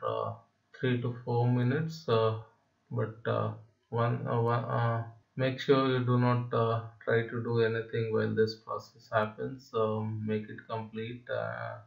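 A man walks through a phone setup in a level, unvaried tone with a gravelly edge, stopping often on "uh" and checking in with "right?". He sounds distant from the mic, in a roomy space with a dull, lo-fi recording. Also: medium pitch. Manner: hesitant, many "uh" fillers and tag "right?". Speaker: tech video host. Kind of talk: phone how-to walkthrough.

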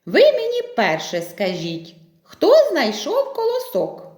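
A woman voicing a hardworking, cheerful little rooster in a storybook tale, calling out in a high sing-song voice. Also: wildly swooping pitch, slow, darkish tone, full character voice. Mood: calling cheerfully. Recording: echoey room.

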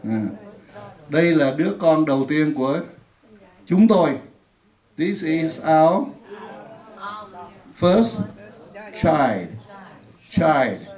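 A woman's voice: sits low, lively intonation, slow, long pauses, darkish tone. A woman teaching an English lesson in a classroom, patiently repeating words for her students to drill. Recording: echoey room.

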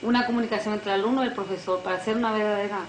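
A middle-aged woman from the Dominican Republic with a Dominican accent, a piano and French teacher answering interview questions, often pausing to search for words. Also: mid-range voice, steady tone. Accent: Dominican Spanish. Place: living room on a sofa. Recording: echoey room, noisy old video tape.

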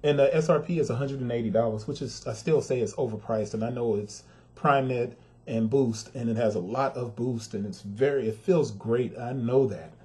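A dad with a son reviews sneakers, his mid-range voice moving at a moderate pace with a darkish tone. He talks right to his audience, casual and emphatic, letting his frustration show.

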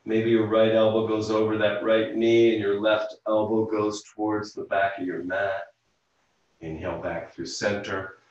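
A low-voiced man leads a yoga class at an unhurried pace, cueing each breath and stretch calmly. He sits well back from the mic in a very echoey room, so his voice carries a roomy, distant quality. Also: muffled recording. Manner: slow, calm step-by-step cueing of breath and movement. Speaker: yoga instructor and physical therapist. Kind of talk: guided yoga class instruction. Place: room at home, teaching over video call.

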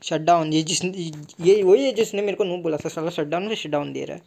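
A young man commentating his own mobile game live, excitable and talking to himself with frequent mild swearing. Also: fairly high pitch, a little fast, creaky. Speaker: gaming streamer.

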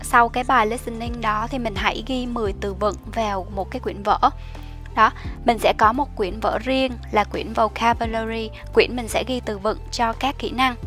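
A woman's voice: a little high, fairly even intonation, normal speed. Chatty young woman giving study tips. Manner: chatty, explanatory, with soft fillers. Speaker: IELTS teacher. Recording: soft music behind the voice.

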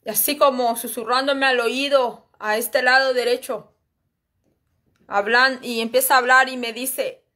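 A woman's voice: high voice, fairly even intonation, unhurried, bright, forceful tone. A woman giving a spoken religious testimony as a lay preacher. She talks earnestly and repeats herself, often calling out to her listeners as brethren. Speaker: lay preacher sharing a revelation.

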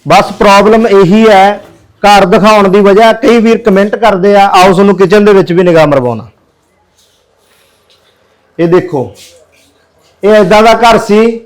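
A man's voice: high-pitched, normal speed, long pauses, rough recording. A man who works as a social worker, pleading earnestly with viewers in a charity appeal video.

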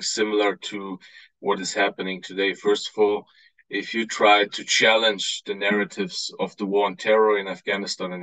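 Man in his thirties from Austria, low-pitched, dry close sound, earnest panelist. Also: sharp tone, dry recording, poor audio. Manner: halting, many fillers, earnest. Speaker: panelist, author. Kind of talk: panel discussion on video call. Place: home room indoors. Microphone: video call.

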